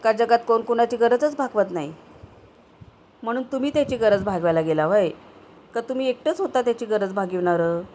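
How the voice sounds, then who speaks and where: Woman voicing a sharp-tongued nagging village wife. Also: fairly high pitch, a little hiss or hum, lightly acted. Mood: scolding. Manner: scolding, rapid questioning. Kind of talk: storybook reading.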